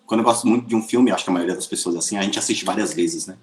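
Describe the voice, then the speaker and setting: A man with a Brazilian Portuguese accent, an interview guest telling stories casually with lively hesitations. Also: deep voice, racing, a little hiss or hum. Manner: chatty, lively, with frequent hesitations. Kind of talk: casual storytelling. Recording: roomy echoey room.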